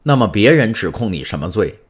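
A man's voice: fairly low pitch, very animated, a little fast, slightly rough, voice pushed up. A man voicing a secretive, calculating older male prisoner who speaks in guarded questions in an audiobook. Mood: questioning. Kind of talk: audiobook character voice.

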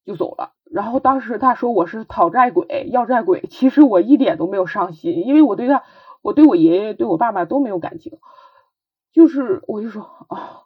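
A young woman with a husky, breathy voice tells her personal story as a podcast guest. She speaks earnestly and haltingly, often restarting her sentences. The recording sounds dull and lo-fi. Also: mid-range voice.

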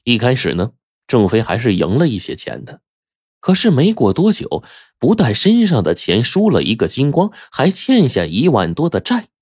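A man telling a folk tale in a lively, dramatic, folksy manner. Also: medium pitch, moderate pace, slightly rough, no echo, studio quality. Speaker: storyteller. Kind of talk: spoken storytelling.

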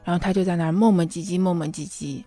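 Speaking quickly in a mellow, lowish voice with fairly even intonation, a woman in her thirties confides a personal story as a mother. She is earnest and emotional, frequently checking in with whoever's listening, while soft music plays behind her.

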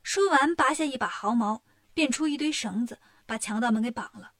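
A woman narrating a children's story in a clear, lively storytelling manner. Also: a little high, brisk.

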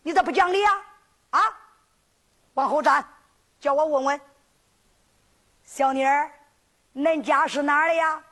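A woman's voice: sits high, steady tone, a little slow, pauses often, a bit bright. A woman voicing a stern, righteous older male teacher with a Henan accent in sung folk storytelling, lecturing sternly.

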